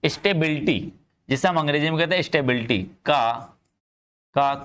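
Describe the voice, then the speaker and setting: A male chemistry teacher speaking, giving a live online class, often repeating himself to urge students to answer quickly and calling them "kids". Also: fairly high pitch, fairly bright tone, clear, resonant tone. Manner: calls students "bachcha" and "bhai".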